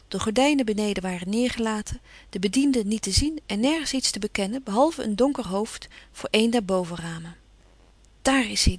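A woman narrating an audiobook with measured, even pacing. Her voice sits on the high side and is recorded very dry and close. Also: no room sound. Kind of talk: scripted narration.

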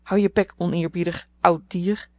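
A woman's voice: on the low side, steady tone, normal speed, a little mellow, no echo, lightly acted. Cranky old aunt done by a woman, snappy and scolding, dry close sound. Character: sharp-tongued grumpy old aunt.

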